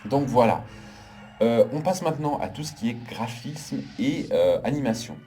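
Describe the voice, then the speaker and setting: A man talks through a casual movie review with strong, emphatic opinions, stacking intensifier on intensifier. His voice is mellow and on the dark side, at an ordinary male pitch. Soft music runs faintly in the background. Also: expressive, normal speed. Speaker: film critic. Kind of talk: casual video film review.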